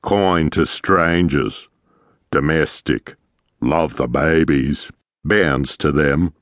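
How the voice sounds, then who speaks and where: A man voicing a fat, one-eared, walrus-like ship captain who talks in gruff, clipped, booming bursts. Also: drawn-out words, no echo, exaggerated voice.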